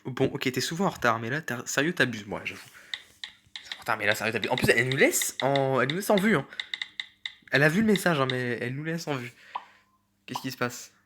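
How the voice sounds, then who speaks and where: A man's voice: medium pitch, expressive, a little fast, long pauses, background noise. A man doing casual, sarcastic commentary on a chat story game, reading its messages aloud and mocking the spelling mistakes. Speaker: gaming YouTuber.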